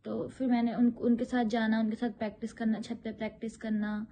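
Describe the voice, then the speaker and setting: A young Indian-born yoga teacher talks straight to her viewers in a casual, personal way. Her voice sits a little on the high side. She loops back on her words and repeats phrases as she goes. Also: flat delivery, brisk, dark tone.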